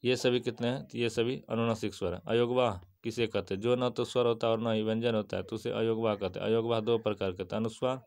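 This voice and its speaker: A man giving an exam-prep grammar lesson, reciting definitions and examples in a steady list-like way and answering his own questions. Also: lowish voice, quick pace, vocal fry, hardly any pauses. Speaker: teacher.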